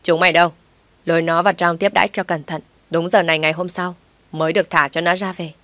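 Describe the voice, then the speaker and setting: A woman's voice: lowish voice, flat delivery, quick pace, dry recording, natural voice. A woman voicing a furious, vengeful wealthy wife who barks orders. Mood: cruelly mocking. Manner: domineering, shouting orders.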